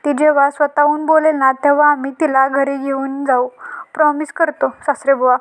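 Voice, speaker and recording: A slick young son-in-law who flatters and reassures, read out by a woman. The voice is high and flat. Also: normal speed, lightly acted. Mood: flattering. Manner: polite, flattering.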